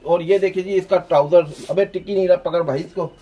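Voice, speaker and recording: A man, a clothing shop owner giving an energetic, hard-selling pitch in his small shop. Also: brisk. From Pakistan. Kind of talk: sales pitch vlog.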